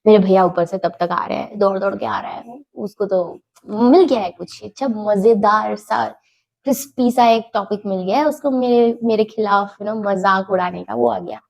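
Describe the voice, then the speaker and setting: A woman telling a personal story in a casual storytime style, animated and repeating words for emphasis. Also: medium pitch, moderate pace, gravelly.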